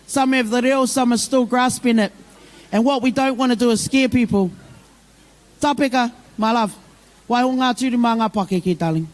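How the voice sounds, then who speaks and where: At a community gathering, a middle-aged woman with a broad New Zealand accent talks off the cuff at a moderate pace, her voice on the high side with a darkish tone. Her motherly, plain-spoken speech uses endearments for listeners and weaves Māori phrases into English.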